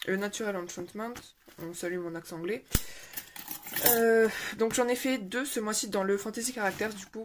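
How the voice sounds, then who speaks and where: Young woman, casual vlog chat, hesitant and chatty, faint noise behind. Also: mid-range voice. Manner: chatty, many fillers and restarts. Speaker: coloring vlogger. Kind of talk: casual show-and-tell chat. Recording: faint background noise and clicks.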